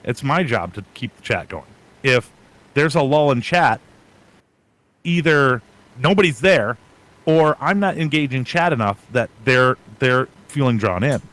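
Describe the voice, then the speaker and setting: Male guest streamer, mid-pitch, casual run-on advice. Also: expressive, a little slow, low-quality recording. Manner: thinks out loud, talks in long run-on advice. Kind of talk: casual panel chat.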